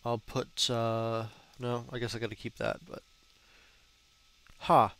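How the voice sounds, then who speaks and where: A young gaming channel host in his early twenties, nose stuffed up, chats and curses while commenting on a block-building game, rambling with fillers. His medium-pitched voice is level, slow, fairly bright, clear and resonant.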